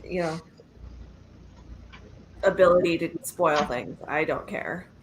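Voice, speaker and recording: A woman chatting casually with friends, easygoing and quick to laugh. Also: on the low side, slight background noise, poor audio. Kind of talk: casual chat.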